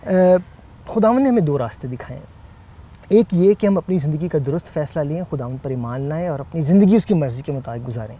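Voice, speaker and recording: A man co-hosting a Bible teaching talk, speaking in a measured way with frequent hesitant fillers. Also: fairly high pitch, expressive, mellow, husky. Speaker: co-host.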